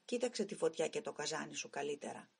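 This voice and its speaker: A woman voicing a gruff old train engineer. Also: deep voice, lively intonation, full character voice. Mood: angry. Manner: plain-spoken, grave storyteller.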